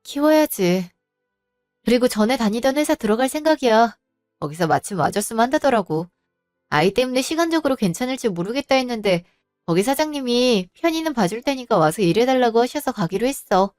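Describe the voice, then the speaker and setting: A woman's voice: a little high, animated, a little fast, a little mellow, no echo, clean studio sound, soft background music, natural voice. A woman voicing a firm, betrayed wife and mother who scolds her husband sharply. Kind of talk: storybook voice acting.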